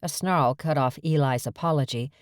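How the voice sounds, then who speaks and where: A woman's voice: sits low, normal speed, dry recording. A woman narrating an audiobook in the first person, emotive, with an anxious inner monologue, on a close studio mic.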